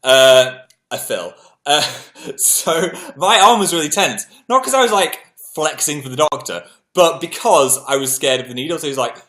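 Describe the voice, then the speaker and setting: A man's voice: a little high, expressive, moderate pace, sharp tone. A man with a British accent hosting a livestream, chatting casually and telling self-mocking stories to his viewers. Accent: British English. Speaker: livestream host.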